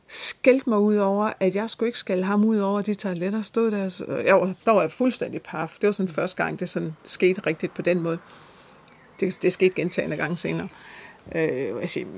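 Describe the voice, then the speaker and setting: A woman's voice: mid-range voice, creaky, darkish tone. A woman recounting personal experiences in a hesitant way, with many restarts. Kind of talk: personal storytelling.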